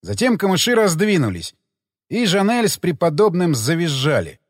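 Expressive male audiobook narrator. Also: a little high, normal speed, dry recording, clean studio sound. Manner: expressive, dramatic reading with voiced dialogue. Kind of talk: first-person audiobook narration.

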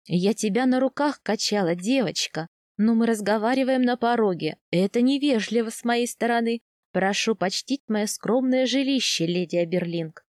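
A woman reading an audiobook, voicing a dignified widow of nearly eighty who speaks in a measured, formally polite and instructive way. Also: on the high side, darkish tone, no echo, studio quality, close to an everyday voice. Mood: welcoming. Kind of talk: audiobook character voice.

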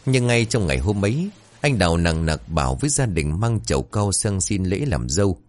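Low voiced guy telling a spooky story, dramatic, voice goes up and down a lot. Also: sing-song, normal speed, darkish tone. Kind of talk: narrated ghost story. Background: faint music.

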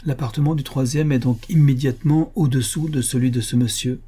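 A man reading the part of a reserved young widow, asking careful, polite questions in a measured way. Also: medium pitch, steady tone, dark tone, breathy edge, lightly acted. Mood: guarded.

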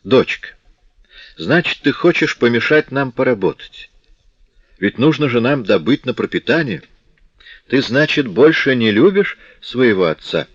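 A man's voice: lowish voice, unhurried, dry recording. A man doing a sly, wheedling robber father. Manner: wheedling, falsely gentle. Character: sly coaxing middle-aged robber father. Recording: dull dry lo-fi audiobook recording.

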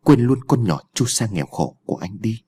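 Haughty young rich woman, put on by a male narrator: mocking, domineering, husky, audio story. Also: on the low side, big pitch swings, fairly quick, dark tone. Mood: taunting.

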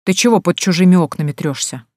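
A rude, snarling man risen from the grave, ragged and barefoot, as a woman narrator puts him on. His lines come out low and curt, clipped retorts in a dry, close audiobook read. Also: animated, quick pace, mellow, no echo, lightly acted. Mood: gruff.

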